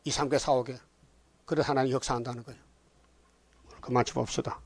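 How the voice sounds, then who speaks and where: A man's voice: medium pitch, flat delivery, fairly quick, breathy edge, no echo. A man pastor preaching a sermon, reading scripture aloud and pressing his points with rhetorical questions. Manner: emphatic, rhetorical questions to the congregation.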